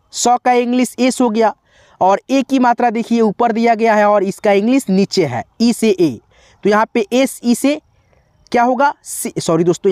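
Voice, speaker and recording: Slow patient male tutor, dry close sound. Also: high-pitched, darkish tone, clean tone, dry recording. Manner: slow, repetitive, spells letters out one by one; keeps addressing viewers as friends. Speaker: teacher. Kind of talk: tutorial explaining spelling on a board.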